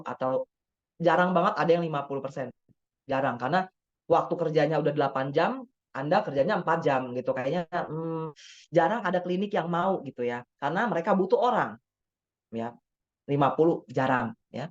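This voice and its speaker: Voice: mid-range voice, fairly quick. Chatty doctor on dull webinar audio. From Indonesia. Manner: chatty, acts out quoted dialogue, frequent tag words. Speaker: doctor speaking on a webinar panel. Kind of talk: casual webinar talk.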